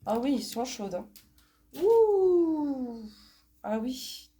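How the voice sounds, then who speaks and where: A woman shows off her purchases in a casual unboxing video, her nose blocked by a cold so she sounds nasal. Her voice sits on the high side, mellow with a breathy edge, at a moderate pace, and she talks chattily with many fillers and repeated words.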